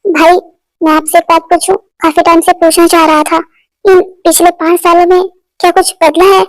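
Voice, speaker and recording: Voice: very high-pitched, level tone, normal speed, no echo, low-quality recording. A voice actor playing an earnest young man talking with his older brother in an amateur fan dub.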